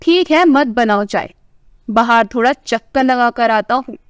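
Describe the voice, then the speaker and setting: A fond, teasing old husband in his sixties coaxing his wife in a storybook tale, as a woman reader puts him on. The voice sits high and reads smooth and clear. The recording is close and dry. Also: unhurried, dry recording, lightly acted. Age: 60s.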